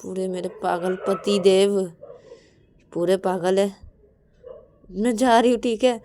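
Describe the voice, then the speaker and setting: A woman's voice: mid-range voice, steady tone, slow, mellow. A woman voicing a young woman, easygoing and puzzled, talking in a light, coaxing way.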